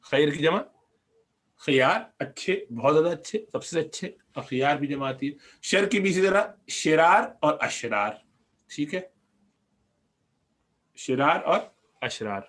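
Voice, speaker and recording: A man with a Pakistani Urdu accent teaching Arabic grammar in a recorded lesson, explaining patiently, repeating words slowly and putting questions to the class. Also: fairly high pitch, lively intonation, fairly bright tone.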